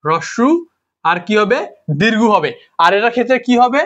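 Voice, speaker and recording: Speaking at normal speed with an expressive, somewhat bright high voice, a man teaches grammar informally to his students. He tends to repeat words and pose rhetorical questions, fixing and apologizing for his own slips, and the recording is dull and lo-fi.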